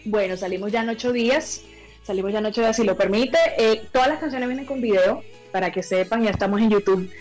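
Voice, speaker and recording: A woman's voice: medium pitch, fast talker, a little mellow, soft background music. A woman with a coastal Colombian accent from Barranquilla, chatting effusively and colloquially as a singer being interviewed. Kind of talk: casual interview chat.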